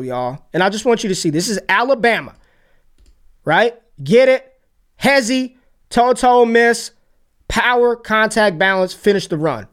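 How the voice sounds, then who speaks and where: High-voiced excitable football analyst. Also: male voice. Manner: energetic, excited, talks over plays. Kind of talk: casual film breakdown commentary.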